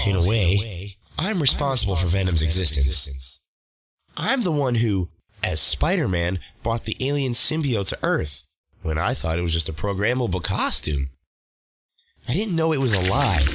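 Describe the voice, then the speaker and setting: A man playing an earnest, troubled secret superhero in a motion comic, speaking reflectively. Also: medium pitch. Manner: reflective, guilt-ridden narration. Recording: loud music over the voice.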